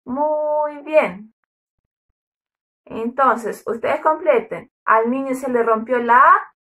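A woman teaching a kindergarten phonics lesson, enunciating each syllable slowly and praising the children cheerfully. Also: high voice, a bit bright. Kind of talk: slow, drawn-out phonics lesson for young children.

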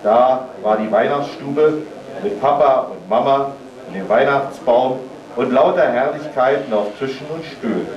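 Brief: male reader telling a Christmas tale at a party, measured and lively, recorded from a distance in a reverberant hall. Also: mid-range voice, muffled recording. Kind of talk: reading a Christmas story aloud. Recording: roomy sound from far off.

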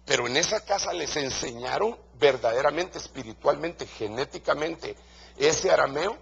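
A man's voice: on the high side, animated, moderate pace, creaky, fairly bright tone, slightly rough, lo-fi sound. A man preaching a sermon to pastors in a Guatemalan Spanish accent, stressing his points by repeating key phrases.

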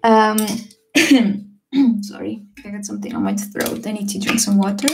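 A young woman livestreaming a watercolor session, chatting casually and relaxed with fillers and small laughs. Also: mid-range voice, brisk, background noise. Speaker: watercolor artist streamer. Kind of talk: casual livestream chat while painting.

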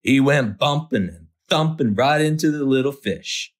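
A man's voice: medium pitch, lively intonation, unhurried. A man narrating a children's picture book as a storytime host, expressively, drawing out key words for effect.

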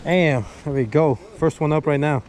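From an outdoor pier, an excitable fishing vlogger casually talks viewers through each step of fishing. His voice is fairly high and his speed normal. A chest-mounted action camera records him, picking up wind noise.

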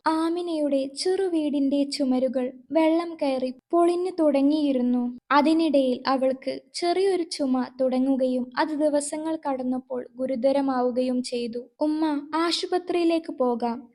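A woman narrates a scripted short story with steady, measured delivery. Her voice sits high for a woman.

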